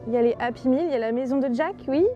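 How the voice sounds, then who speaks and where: A woman's voice: high voice, racing, warm tone, muffled recording, faint music behind. A woman narrating a casual travel vlog in a chatty, enthusiastic way, with many fillers. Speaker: travel vlogger.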